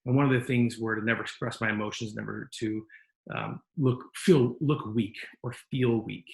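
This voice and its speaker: A man's voice: on the low side, fairly even intonation, normal speed, vocal fry. Man, podcast host, earnest, encouraging, rambling, roomy echo. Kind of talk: casual interview talk.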